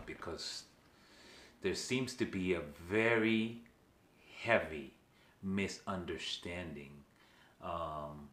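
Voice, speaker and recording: A man's voice: low-pitched, sharp tone, roomy sound. A man from Venezuela, hosting his own channel, speaking emphatically and often checking in with "okay" and questions to his viewers. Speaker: vlog host. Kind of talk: direct-to-camera commentary.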